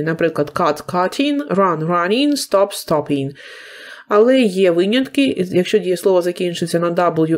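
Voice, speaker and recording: A Ukrainian-accented woman gives a recorded English grammar lesson in a somewhat low voice. She explains spelling rules step by step with patience. She slows down deliberately whenever she reads out English examples. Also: darkish tone. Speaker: English teacher.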